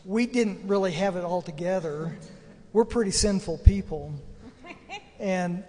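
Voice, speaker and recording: An older man giving marriage advice in a slow, wry, self-deprecating way. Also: high voice, warm tone. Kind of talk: casual advice talk. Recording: long hall reverb.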